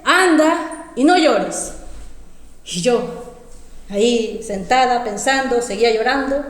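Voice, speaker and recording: A woman's voice: sits high, a little mellow. A woman preacher telling a personal testimony in a sermon, emotional, repeating phrases and calling out to the congregation. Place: church hall. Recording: echoey church hall. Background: congregation calling out amens.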